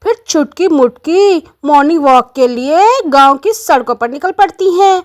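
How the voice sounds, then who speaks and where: A woman narrating a children's doll story in an animated way, talking to viewers as friends. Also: high-pitched, normal speed.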